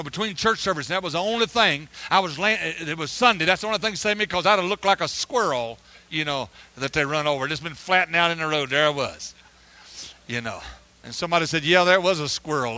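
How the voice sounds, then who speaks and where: A man preaching a folksy testimony sermon, rambling and colloquial, with sudden loud outbursts. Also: fairly high pitch, fairly quick.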